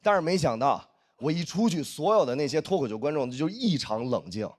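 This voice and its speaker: A man performing a stand-up comedy set, telling a story in an animated way and acting out the dialogue. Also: on the high side, brisk. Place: stage in front of a live audience.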